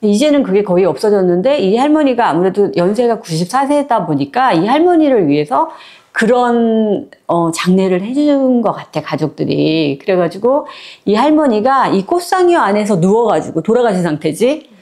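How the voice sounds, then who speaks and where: A woman's voice: medium pitch, sing-song, moderate pace, darkish tone. Woman storyteller, chatty and conversational, retelling a book aloud with fillers. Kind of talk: casual spoken retelling of a short story.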